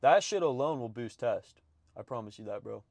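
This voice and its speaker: A man's voice: medium pitch, lively intonation, moderate pace, gravelly, darkish tone, no echo. A young man chatting casually to his vlog viewers in a slangy, profane gym bro manner. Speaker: fitness vlogger.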